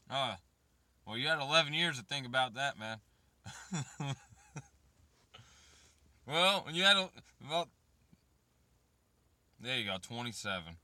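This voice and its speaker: A man of thirty vlogs casually, rambling with plenty of profanity about waiting and parenting as he talks straight to chat. His mid-range voice has a sharp tone, and the recording is dry.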